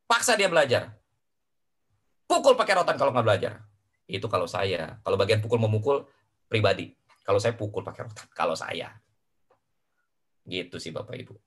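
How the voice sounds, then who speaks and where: A man coaching a parents' group in a lively question-and-answer session, emphatic and repeating his key phrases, dropping English phrases into his talk. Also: mid-range voice, breathy edge.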